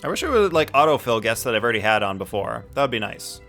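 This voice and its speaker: With music in the background, a man sets up his casual gaming livestream and muses aloud to chat. The delivery is quick and sing-song, his mid-range voice creaky and a bit bright.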